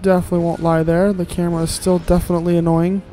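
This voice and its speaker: A man's voice: high-pitched, level tone, rapid-fire, mellow, soft background music, poor audio. A man giving casual, grumbling let's-play commentary while he plays, with sarcastic asides and casual swearing.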